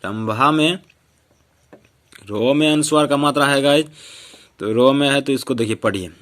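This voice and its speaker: A man's voice: medium pitch, a bit bright. Man drawing out syllables in a lesson. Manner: drawn-out syllables, repeats and addresses viewers as guys. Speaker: teacher. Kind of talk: spelling lesson to viewers.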